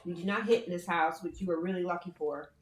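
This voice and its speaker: A woman with a hoarse, scratchy throat chatting casually and bluntly on a livestream, swearing freely and rambling. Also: fairly low pitch, steady tone, fast talker, reverberant. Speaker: co-host on a livestream. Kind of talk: casual chat.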